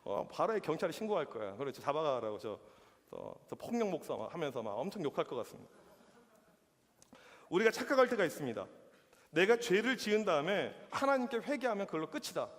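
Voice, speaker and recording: A man in his forties, a youth pastor giving a sermon, animated and acting out dialogue in his stories, laughing often. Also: a little high, fairly quick. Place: church hall. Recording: long hall reverb.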